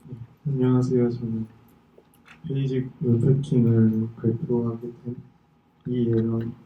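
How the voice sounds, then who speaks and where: A twenty-year-old man giving an informal technical talk, halting as he searches for words, with slightly impaired articulation after dental work. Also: mid-range voice, monotone, background noise. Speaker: conference presenter. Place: indoor talk venue. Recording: muffled, echoey room, distant microphone.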